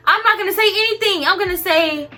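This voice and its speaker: A young woman in a casual storytime rant about fast food work, animated and mimicking customers. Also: extremely high pitch. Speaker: vlogger and fast food worker.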